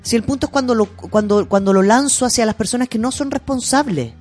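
Chilean woman, animated storyteller, salty language, soft music bed underneath. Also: fairly high pitch, a little fast, slightly rough. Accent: Chilean Spanish. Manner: animated storyteller, acts out quotes, swears freely. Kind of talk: casual chat.

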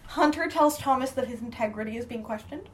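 A young woman co-hosts a podcast in a loose, rambling way. Her voice sits a little high, and she keeps filling her sentences with casual words as she recaps a show. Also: brisk. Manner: rambling, chatty, heavy with filler words. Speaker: podcast co-host.

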